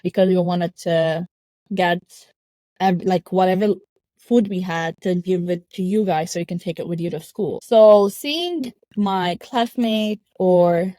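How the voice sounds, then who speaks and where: A young woman from Lebanon talks through her upbringing in a reflective, casual way, often breaking into a quick laugh. Her voice is mellow and warm, recorded dry and close. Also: fairly low pitch, dry recording. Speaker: guest. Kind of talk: casual interview chat. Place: home.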